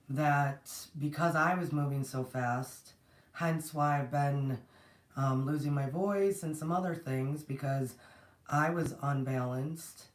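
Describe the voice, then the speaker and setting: Hosting a livestream on her spiritual platform, a woman speaks casually in a low voice that's strained and partly lost. She rambles, keeps restarting, and greets viewers with warmth. Her distant mic lacks proper setup, leaving her voice faint and echoing in the room.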